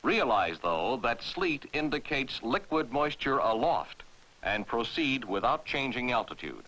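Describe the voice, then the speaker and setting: On the soundtrack of an old 1960s military training film, an American narrator speaks with formal authority and clear diction. His medium-pitched voice is sing-song, unhurried, bright and forceful, though the audio is poor.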